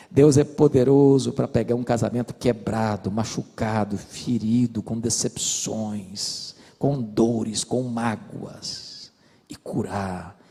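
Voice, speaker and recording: A man's voice: medium pitch, gravelly, mellow, slightly rough, in a large hall. A man preaching a sermon as pastor, telling stories and acting out the dialogue. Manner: storytelling preacher, acts out dialogue. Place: church.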